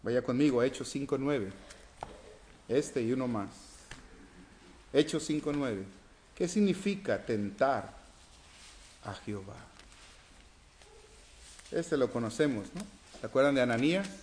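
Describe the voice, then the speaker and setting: A male preacher delivering a sermon with a lively, swooping pitch. He asks his listeners questions, then drops to quiet asides before rising to loud emphasis. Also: unhurried, long pauses, a little hiss or hum. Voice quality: rhetorical questions to the congregation. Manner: reads scripture aloud, acting out the dialogue. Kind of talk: sermon with Bible reading.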